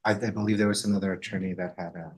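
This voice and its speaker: Low husky male attorney, quick and hesitant, speaking up in a courtroom. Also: steady tone. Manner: hesitant, stumbling. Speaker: defense attorney. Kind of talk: addressing the court.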